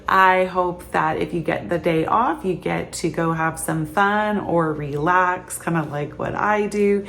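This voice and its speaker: A woman's voice: fairly low pitch, fairly even intonation, a little slow, creaky, fairly bright tone. Chatty tired Canadian mother. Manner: chatty, laughs often. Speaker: vlogger. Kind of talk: casual chat to camera.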